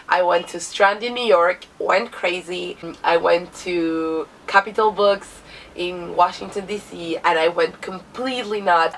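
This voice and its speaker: A young Chilean woman, a native Spanish speaker who has a cold, talks casually to camera about books in a vlog monologue, using plenty of filler words. Her voice is medium-pitched and fairly bright, captured on a distant mic in a low-quality recording.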